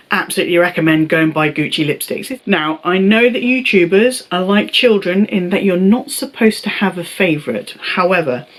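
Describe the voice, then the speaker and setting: A young woman chatting in a bubbly, self-mocking way in an unboxing vlog. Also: on the low side. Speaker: beauty vlogger.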